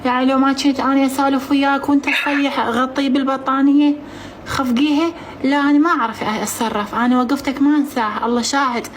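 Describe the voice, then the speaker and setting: A man's voice: very high voice, level tone, fast talker, fairly bright tone, a little hiss or hum. A man doing a woman's voice, playing a distressed, apologetic and affectionate young woman with an Iraqi accent in a prank phone call.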